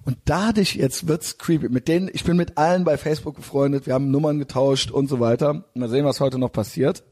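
A man's voice: a little high, a little fast, dark tone. A man casually telling a rambling, slangy anecdote full of fillers. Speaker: storyteller.

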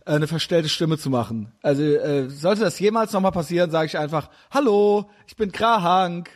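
A man chatting casually as a podcast co-host, blunt, rambling and self-mocking, with a husky voice. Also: on the high side, a little fast. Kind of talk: casual chat.

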